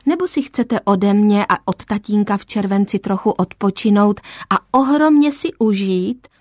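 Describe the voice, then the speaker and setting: A woman's voice: mid-range voice, a little mellow, no room sound, studio quality, natural voice. A woman reading an audiobook, voicing a playful mother coaxing her children. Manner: coaxing, teasing.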